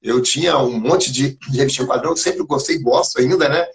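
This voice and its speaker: Gravelly mineiro man telling stories. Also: mid-range voice, fast. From Minas Gerais, Brazil. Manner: lively anecdotes, acts out remembered dialogue. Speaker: teacher, guest on a live stream. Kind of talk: casual storytelling in a live chat. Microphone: phone or computer on a video live stream.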